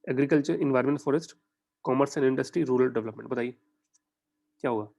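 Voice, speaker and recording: A young Indian man giving a conversational exam-prep lecture, often putting quick questions to his students. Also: medium pitch, creaky, warm tone. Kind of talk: online lecture in mixed Hindi and English.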